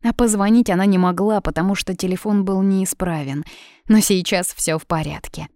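A woman narrating a story for an audiobook in a steady storytelling manner. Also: medium pitch, normal speed, dry recording, clean studio sound.

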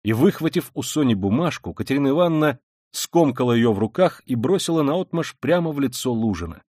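A man narrating a literary audiobook with an expressive, dramatic delivery. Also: medium pitch, fairly quick, no room sound, studio quality. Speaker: audiobook reader.

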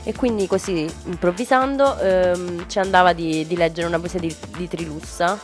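A woman's voice: lowish voice, moderate pace, soft background music. A woman hosting a casual radio talk show, thinking aloud with frequent restarts. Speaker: radio host.

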